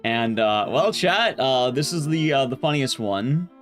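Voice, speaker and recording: With faint music behind him, a man plays a game on a livestream and talks casually to viewers in an animated, mid-range, slightly bright voice at a measured pace. His speech wanders, often restarting partway through a thought.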